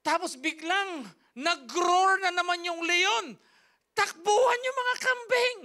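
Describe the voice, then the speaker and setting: A woman's voice: very high-pitched, slow, pushed and bright. A woman pastor, telling a story in a sermon with emphatic, repetitive, rhythmic phrasing. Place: church service.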